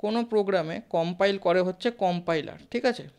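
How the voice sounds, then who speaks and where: A teacher gives a live class lecture in a smooth, clear voice at an ordinary middle pitch. The delivery is conversational: frequent check-ins with the listeners, questions put to the class, and English technical words mixed into the speech. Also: fast talker, darkish tone. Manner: sprinkles English terms into the talk.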